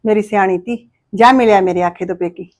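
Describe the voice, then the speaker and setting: A woman playing a kind, ailing older mother-in-law in a family short film, speaking softly and coaxingly. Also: mid-range voice, brisk, lightly acted, low-quality recording.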